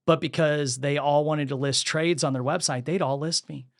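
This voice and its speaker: Animated higher-voiced man hosting a podcast. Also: normal speed, no room sound, studio quality. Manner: animated, acts out the voices of people in his stories. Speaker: podcast host. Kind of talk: casual conversational storytelling.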